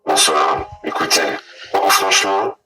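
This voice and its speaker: A man playing a secretive masked former guard, speaking hesitantly through a voice changer that deepens his voice. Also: steady tone, unhurried, bright, forceful tone, exaggerated voice. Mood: cagey. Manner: hesitant, evasive, stammering.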